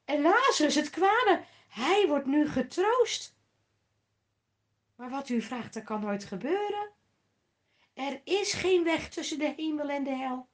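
Father Abraham, an old patriarch, answers with firm and patient admonishment, voiced by a woman storyteller. Each sentence comes slow and measured. The voice stays fairly high for the figure. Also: big pitch swings, full character voice.

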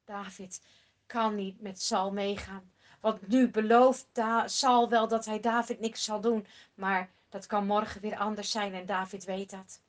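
A woman telling a Bible story to children in a slow, dramatic way, sometimes dropping to a whisper for suspense. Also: mid-range voice, flat delivery.

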